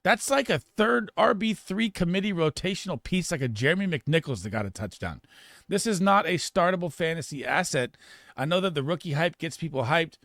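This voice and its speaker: A man giving casual fantasy football start and sit analysis in an emphatic, rapid way, often restarting his sentences. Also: fairly high pitch, lively intonation, fairly bright tone, dry recording, clean studio sound.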